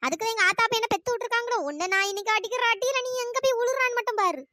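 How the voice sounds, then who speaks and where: A woman voicing a bossy, sharp-tongued old wife in a cartoon who taunts and threatens her husband. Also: very high-pitched, very fast, dry recording, clean studio sound. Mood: threatening.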